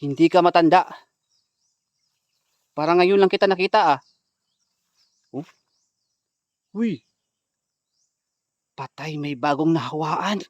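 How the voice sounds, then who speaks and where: A young man from the Philippines leads a ghost-hunting vlog in a light, high voice. He drops to hushed asides for his viewers, then calls out loudly and chants prayers. The sound is dry and close, with no room around it. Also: slow pace, long pauses, no echo. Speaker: ghost hunter vlogger. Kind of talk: paranormal investigation vlog.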